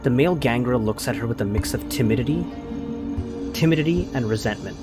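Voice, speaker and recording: A man's voice: mid-range voice, expressive, brisk, over loud music. A man running a tabletop role-play game as game master; he narrates scenes and explains them with hesitant restarts.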